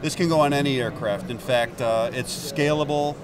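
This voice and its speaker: Over background music in a busy indoor expo hall, a company executive in his fifties speaks at normal speed with a mid-range voice. He's upbeat, pointing at hardware as he explains his product into a handheld mic the interviewer holds.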